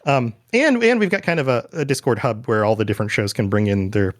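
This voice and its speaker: A man chatting casually as a podcast guest, relaxed and talkative, often slipping into quoted asides. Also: mid-range voice, fast. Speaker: guest, podcast network founder. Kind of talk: casual interview chat.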